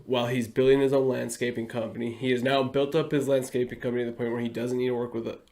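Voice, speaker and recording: A man of middling pitch holds forth in casual podcast talk. He is loud and emphatic, swears freely, and calls others "bro". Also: level tone, fast talker. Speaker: podcast co-host.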